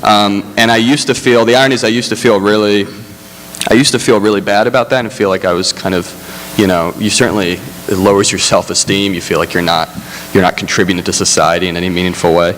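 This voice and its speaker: A male screenwriter speaks haltingly on a panel, full of restarts and self-deprecation. His voice sits very low. Long hall reverb and a faint hum hang behind him. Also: steady tone, a bit bright. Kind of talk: panel discussion.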